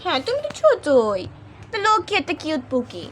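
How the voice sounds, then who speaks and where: A woman's voice: high-pitched, wildly swooping pitch, brisk, a little hiss or hum. A woman, talking in coaxing, sing-song baby talk to her cat at home and turning aside to viewers. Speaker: pet vlogger. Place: home indoors.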